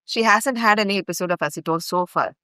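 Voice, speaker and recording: A woman's voice: medium pitch, fast talker, sharp tone, dry recording, studio quality. A middle-aged woman from India with an Indian English accent, earnestly telling a long personal story as a podcast guest. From India (grew up in Bhopal). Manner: earnest, recounts events in long chains with fillers. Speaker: guest, longtime ashram volunteer.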